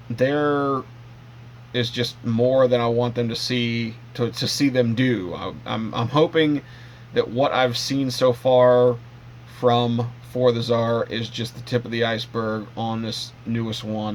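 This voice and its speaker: A man's voice: mid-range voice, slight background noise. A man talking casually in a vlog, rambling with frequent fillers and restarts. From Canada. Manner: rambling, with many ums and restarts. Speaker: vlogger. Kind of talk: casual monologue.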